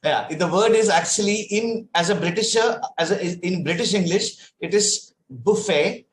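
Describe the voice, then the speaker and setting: Encouraging male English tutor, echoey room. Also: high voice. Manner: encouraging, teacherly, explains slowly with restarts. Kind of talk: online English speaking lesson.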